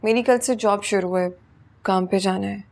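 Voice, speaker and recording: A woman's voice: medium pitch, fairly even intonation, moderate pace, creaky, darkish tone, close to an everyday voice. An actress playing a young working wife who argues firmly with her husband. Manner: firm, tired, pushes back. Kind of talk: TV drama acting.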